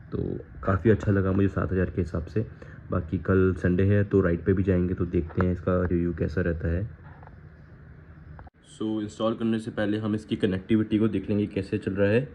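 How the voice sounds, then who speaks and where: Warm and low-pitched, this Indian vlogger's voice guides a relaxed unboxing and installation of the gear he's reviewing. His manner is informal, with Hindi and English phrases blended together, over muffled lo-fi audio with slight background noise.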